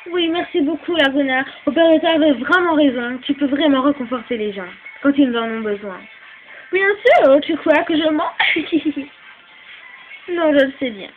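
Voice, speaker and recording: A woman performs a homemade fan dub, taking on each character by turns. Her voice sits very high and swings widely, and it often turns tearful. The recording is dull and lo-fi, with faint hiss behind it. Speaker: fan voice actor doing all parts.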